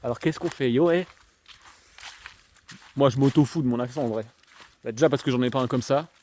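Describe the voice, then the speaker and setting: A man's voice: medium pitch, brisk, darkish tone. Chatty man with an Alsatian accent. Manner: slangy, chatty, addresses viewers directly. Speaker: vlogger; schoolteacher. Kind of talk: casual rambling monologue while walking. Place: outdoors on a countryside walk. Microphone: handheld camera. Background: faint outdoor noise, rain.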